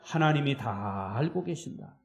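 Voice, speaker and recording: A man's voice: mid-range voice, animated, moderate pace, creaky, reverberant. A man preaching a sermon as pastor, emphatic, with repetition and rhetorical questions. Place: church sanctuary.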